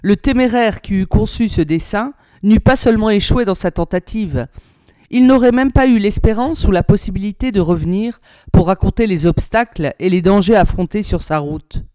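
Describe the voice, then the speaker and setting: A woman reading an old storybook aloud in a measured, expressive way. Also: mid-range voice, dry recording, clean studio sound. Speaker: narrator, reader.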